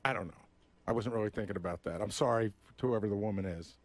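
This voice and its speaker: A man's voice: lowish voice, quick pace. A man on a radio show defending himself, stammering and restarting his sentences. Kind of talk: casual studio banter.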